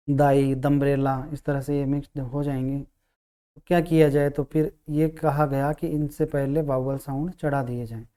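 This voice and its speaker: A man's voice: fairly high pitch, dark tone. Man explaining grammar with rhetorical questions. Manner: sounds out syllables slowly. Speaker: English teacher. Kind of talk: grammar lesson.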